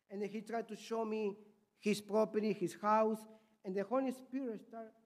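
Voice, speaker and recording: A man's voice: high-pitched, darkish tone. A man from Peru preaching a sermon as a missionary, with a Peruvian Spanish accent and impassioned, swinging volume.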